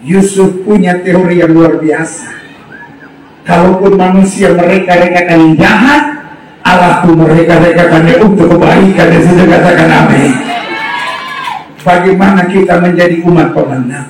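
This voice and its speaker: A male pastor preaching a revival sermon to a crowd on an open-air stage, leading call-and-response and often shouting. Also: sits high, fairly even intonation, moderate pace, recorded from a distance, a little hiss or hum. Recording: very echoey open-air PA, from afar.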